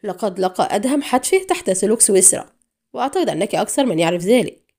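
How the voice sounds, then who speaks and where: A woman's voice: medium pitch, quick pace. A woman reading an audiobook, voicing a defiant, sarcastic female agent held captive. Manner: calm, mocking defiance.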